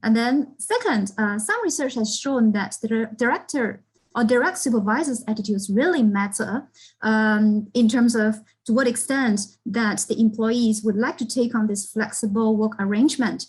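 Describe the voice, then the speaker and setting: A woman panelist answers audience questions in a slightly husky, higher-pitched voice. She explains her points earnestly, often pausing on fillers and restarting her sentences. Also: darkish tone, rough recording. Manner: earnest, many fillers and restarts, laughs lightly. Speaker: academic panelist.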